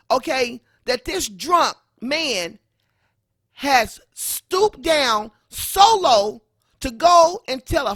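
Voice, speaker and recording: A woman with an American accent and a high voice gives gossip commentary. She scolds emphatically and repeats phrases to drive her point home. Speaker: commentary host.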